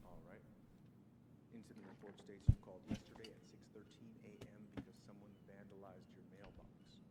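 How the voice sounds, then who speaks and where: An actor playing a middle-aged police chief who asks questions in a brisk, official manner. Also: male voice, lowish voice, level tone, lightly acted. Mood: businesslike. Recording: game audio with ambient noise.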